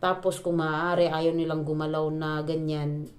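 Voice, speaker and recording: A woman's voice: low-pitched, level tone, normal speed. A woman from the Philippines, vlogging at home, venting to her viewers in a rambling way, full of fillers and restarts and dropping in English words. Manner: exasperated venting. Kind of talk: casual chat to viewers.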